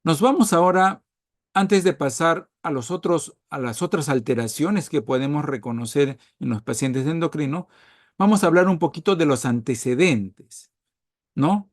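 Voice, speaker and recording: A man's voice: fairly high pitch, normal speed, dry recording, studio quality. A man giving a recorded medical lecture, checking on his listeners with frequent tag questions and stressing key words.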